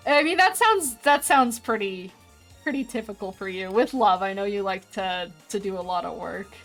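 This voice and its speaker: A woman in her early twenties talks casually to her viewers at a desk microphone, reading out their messages and breaking into frequent laughter. Her pitch sits in an ordinary middle range. Soft music plays faintly behind her. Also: a little slow. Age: 20s. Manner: chatty, reads chat aloud, laughs often. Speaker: streamer. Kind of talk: casual chat with viewers while drawing. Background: faint background music.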